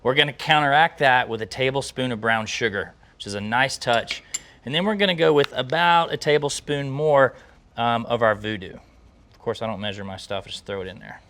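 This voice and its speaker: A man's voice: mid-range voice, fairly quick, a bit bright, slight background noise. Guy showing how to cook a sandwich, folksy and upbeat, chatting to the camera. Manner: folksy, enthusiastic, talks to camera. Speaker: cooking channel host. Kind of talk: casual cooking demo.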